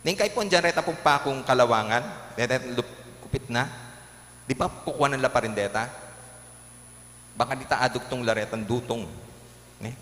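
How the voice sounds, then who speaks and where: Pari na nangangaral sa maalingawngaw na simbahan. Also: male voice, mid-range voice, moderate pace, long pauses. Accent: Kapampangan. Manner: preaching with lively shifts, acting out jokes and quotes. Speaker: priest. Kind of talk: homily in a live-streamed Mass. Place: large church. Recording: echoey church with long reverb, faint hum.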